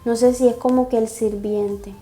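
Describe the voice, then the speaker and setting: A woman's voice: a little high, fairly even intonation, moderate pace, mellow. A young woman reading a comic aloud and reacting, gushing and sighing often. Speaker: webcomic reaction vlogger. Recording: echoey room. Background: faint music.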